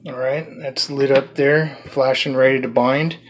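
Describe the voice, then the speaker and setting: A man's voice: mid-range voice, little pitch movement, unhurried, slight background noise. A man giving a casual, rambling product review of a small drone, talking through the parts with many fillers and restarts.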